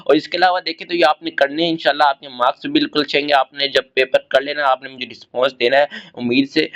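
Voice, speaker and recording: A man from Pakistan, giving students casual exam tips, often restarting and addressing them directly. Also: medium pitch. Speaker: exam prep tutor.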